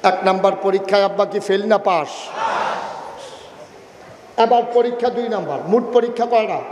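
A high-pitched male preacher tells a story with humor and calls out to the crowd. His voice rings through a large hall with a long reverb. Faint noise hums underneath. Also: fairly quick. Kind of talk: humorous sermon, rising to shouted calls.

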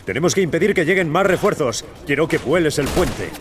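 A man's voice: fairly high pitch, lively intonation, brisk, noisy background, lightly acted. A man playing a resolute, loyal military captain in an action game, with a Castilian Spanish accent.

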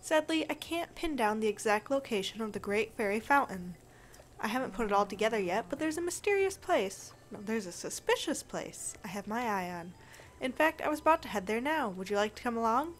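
A woman's voice: on the high side, lively intonation, a little fast, a little hiss or hum, natural voice. A woman voicing an elderly male traveling artist who is cheerful and chatty, with a friendly, eager storytelling tone.

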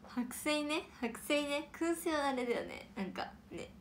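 A young woman hosting a casual livestream and reading out viewer comments, with a chatty, playful manner and soft whispered asides. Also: high-pitched, expressive, measured pace, a little hiss or hum. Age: young adult.

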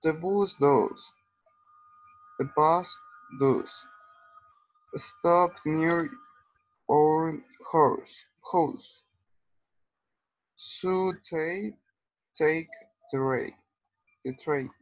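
A Spanish-accented male student reads his answers very slowly, stopping and repeating words. His voice is somewhat high for a man and comes through dull video call audio. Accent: Spanish-speaking. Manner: halting, repeats words while reading aloud. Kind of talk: answering in class.

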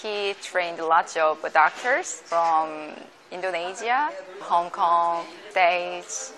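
A woman's voice: on the low side, extremely slow, a bit bright, a little hiss or hum. A woman in her thirties, hospital staff presenting to camera in a lobby, with simple phrasing and brief fillers. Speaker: hospital international center staff.

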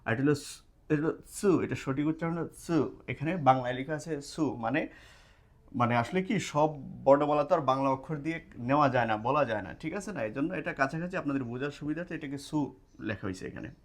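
Fast-talking male teacher. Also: fairly high pitch. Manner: explains step by step, checks in often with rhetorical questions. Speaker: language teacher. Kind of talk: casual spoken lesson at a board. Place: indoors, classroom or study room at a board. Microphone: camera mic while writing on a board.

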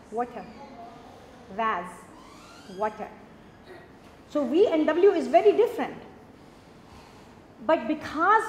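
A middle-aged woman, giving an animated, demonstrative lecture to a hall audience and asking them questions. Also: high-pitched, a little hiss or hum. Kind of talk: lively classroom lecture. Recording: echoey hall with long reverb.

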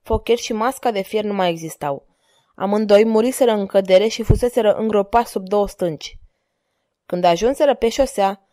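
A woman with a Romanian accent narrating an adventure novel in a measured, dramatic way. Her voice is mellow and warm, recorded dry and close to the mic, with no room sound. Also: medium pitch, no echo. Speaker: audiobook narrator. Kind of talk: scripted narration.

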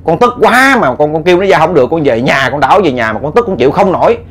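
Guy putting on a fired-up young southern vietnamese villager, high voice, tripping over his words. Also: fast talker, husky, exaggerated voice. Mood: upset. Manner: excited, stammering complaint. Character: agitated younger village man, indignant and upset. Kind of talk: storytelling voice acting.

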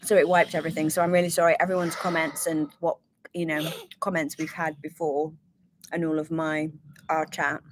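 A woman's voice: deep voice, level tone, brisk, background noise. A woman chatting casually on a van-life livestream, rambling and apologetic, inside a camper van. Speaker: livestream co-host.

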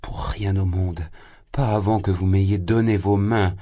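A man reading an audiobook voices a drunk, exalted young man who rants loudly, his voice leaping high and then sinking. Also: steady tone, a little slow. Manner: loud, impassioned, rambling, swings high. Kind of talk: audiobook character voice.

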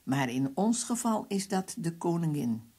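A woman voicing a calm, devout old father who speaks gently and with certainty. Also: on the low side, measured pace, slightly rough, full character voice. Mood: steady.

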